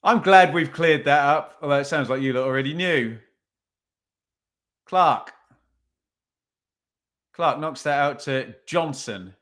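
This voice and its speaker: A man's voice: fairly high pitch, takes it slowly, pauses often, a bit bright. A man hosting a podcast, giving casual live watch-along commentary on a football match, chatty and thinking aloud with tag questions. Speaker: podcast host.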